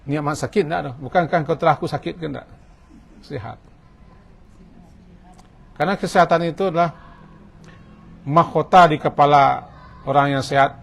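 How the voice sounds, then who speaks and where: A man preaching a sermon in a mosque, lively, switching between quiet stretches and loud acted-out voices. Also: a little high, vocal fry.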